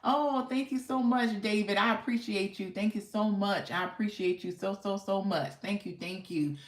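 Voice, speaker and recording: This American livestreamer speaks at normal speed with a medium-pitched voice, gushing to viewers with a folksy charm and plenty of thank-yous and affirmations. The casual stream has an echoey, roomy sound.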